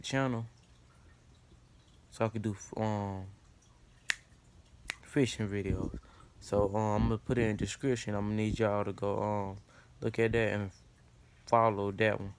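A man's voice: on the low side, steady tone, measured pace, pauses often. A young man chatting loosely and directly to his viewers in a casual vlog, recorded on a phone. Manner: loose, rambling, talks straight to viewers. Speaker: vlogger. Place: outdoors by a pond, then indoors in a room. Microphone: phone camera.

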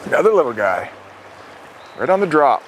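Wading through a small river, a man in his thirties hosts an outdoor fishing show, upbeat throughout and getting excited whenever a fish bites. His voice runs somewhat high at a moderate pace, with noticeable background noise.

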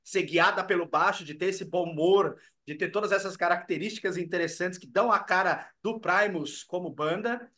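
A young Brazilian man on a home video call, co-hosting in chummy, slangy, animated talk about an album. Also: high-pitched, moderate pace, few pauses. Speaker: co-host. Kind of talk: casual album review chat. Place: home room. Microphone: video call webcam.

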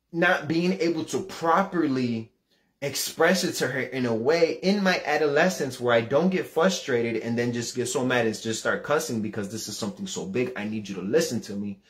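Guy in his 30s, mid voice, preaching his own testimony, fervent, keeps repeating himself. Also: mid-range voice. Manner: earnest and fervent, repeating words and voice rising when retelling. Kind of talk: impassioned personal testimony.

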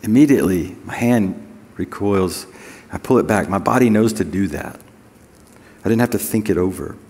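Man, pastor, sermon, conversational, joking asides, slow deliberate scripture reading, deep-ish voice, long hall echo. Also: expressive, darkish tone. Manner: reads scripture slowly and deliberately.

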